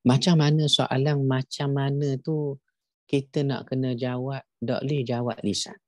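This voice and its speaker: A middle-aged Malaysian man preaches a religious lecture in a mellow, warm voice, and he acts out the scenes he describes. The recording is dry and close, with no room echo. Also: mid-range voice, a little slow. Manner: animated preaching, acts out weeping recitation. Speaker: religious teacher.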